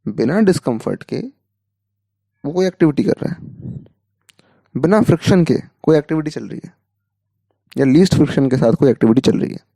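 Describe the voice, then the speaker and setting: A man's voice: a little high, animated, brisk, creaky, long pauses, warm tone, breathy edge, no room sound, studio quality. A man coaching students in a talk, asking rhetorical questions and mixing in English words. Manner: explains with rhetorical questions, Hindi mixed with English terms. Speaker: mentor to exam students.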